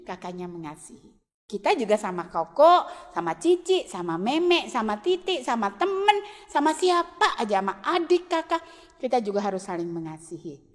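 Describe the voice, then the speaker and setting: A woman teaching children in a church service, telling a Bible story with lively voices for the characters. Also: big-room sound. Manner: animated, acts out characters with big pitch jumps.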